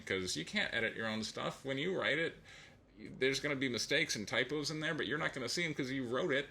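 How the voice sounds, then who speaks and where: A man's voice: mid-range voice, creaky, sharp tone. A man giving an opinionated, casual spoken review of a comic book, thinking aloud as he goes.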